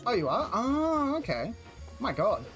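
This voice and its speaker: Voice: medium pitch, wildly swooping pitch, unhurried. Broad New Zealand accent, sex-ambiguous streamer voice. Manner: slangy, rambling, self-interrupting. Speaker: game livestreamer. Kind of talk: casual chat while gaming. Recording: music behind the voice. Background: music.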